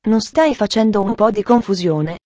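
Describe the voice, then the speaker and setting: A woman reading the part of a grumpy, bedridden older man in an audiobook, gruff and sarcastic. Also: medium pitch, normal speed, mellow, dry recording, muffled recording, lightly acted.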